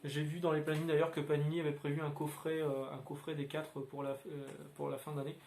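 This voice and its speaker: A man with a slightly high voice chats casually about his week's comics, hesitating and wandering between thoughts. He talks into a standalone mic in a roomy, echoey room at home. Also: flat delivery, brisk, darkish tone, a little hiss or hum. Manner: rambling, many filler sounds. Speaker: comics video host. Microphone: standalone microphone.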